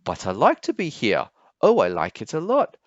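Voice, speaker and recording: Storybook cat, played by a man: boastful, mischievous, sing-song, wildly swooping pitch, dull lo-fi sound. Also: huge pitch swings, normal speed, no echo. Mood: playful, insistent. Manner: showy, sing-song, exclaiming. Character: boastful, mischievous male cat, gleeful and carefree showman. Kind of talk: children's picture-book character voice.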